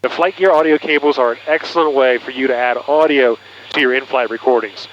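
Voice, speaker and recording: A man's voice: medium pitch, brisk. A man presenting a product demonstration in an instructional way, sounding like a pilot talking over a headset intercom. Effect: aviation headset intercom sound. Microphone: aviation headset through intercom cable. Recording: muffled cockpit intercom audio with noise.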